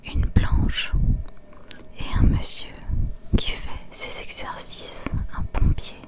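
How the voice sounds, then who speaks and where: A woman reading and describing a picture book for ASMR in a hushed library whisper, softly repeating words. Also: slow. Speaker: ASMR host.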